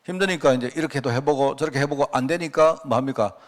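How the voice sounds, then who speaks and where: A man's voice: medium pitch, fast talker. A middle-aged man preaching a sermon as a pastor, chatty and full of rhetorical questions, acting out quoted prayers along the way. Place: church sanctuary.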